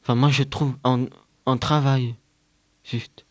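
A teenage boy answering interview questions in a hesitant, halting way. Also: mid-range voice, little pitch movement, no echo. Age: teens. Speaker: student guest.

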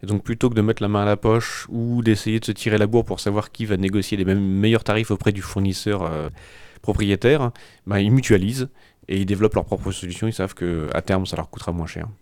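A man with a low voice talks through tech news in a relaxed podcast chat. He hesitates often, stacking fillers and restarting sentences. The sound is close and dry, with no room around it. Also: brisk, dry recording. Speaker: podcast co-host reading a tech press review.

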